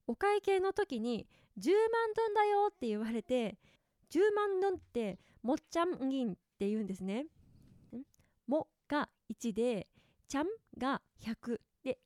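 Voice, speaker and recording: High-voiced woman podcaster. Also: no room sound, clean studio sound. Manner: chatty, friendly, lively asides and rhetorical questions. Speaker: podcast host. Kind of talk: casual solo podcast talk.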